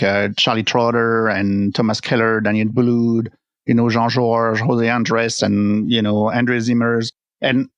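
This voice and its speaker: A man's voice: mid-range voice, no room sound. A man hosting a podcast interview, asking questions casually with many fillers. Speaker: podcast host. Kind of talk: conversational interview.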